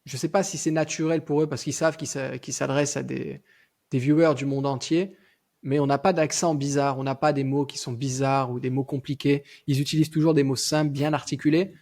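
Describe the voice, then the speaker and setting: A man hosting a casual interview, asking questions in a conversational way. His mid-pitched voice has a gravelly, creaky edge. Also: darkish tone.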